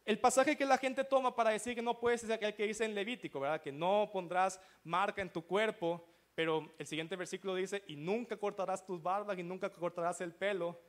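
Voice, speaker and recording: Man, pastor, sermon, high voice, asks the congregation questions. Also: fairly even intonation, fairly quick, few pauses. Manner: preaching with rhetorical checks to the congregation.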